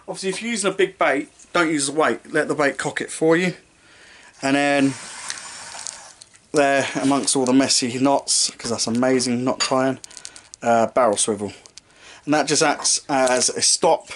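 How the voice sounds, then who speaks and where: Recorded close on a camera mic, a young man in his twenties shows off his fishing gear from a small indoor room with a striped curtain. He speaks at medium pitch, with slight background noise, rambling offhandedly, often fixing his words midway and joking about his knots and lighting.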